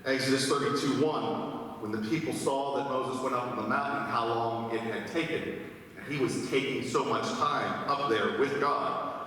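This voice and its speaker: A man preaching a sermon as pastor, now and then acting out the complaining crowd in quick, lifted voices. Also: medium pitch, fairly bright tone, a little hiss or hum. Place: church sanctuary. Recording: echoey church hall, mic at a distance.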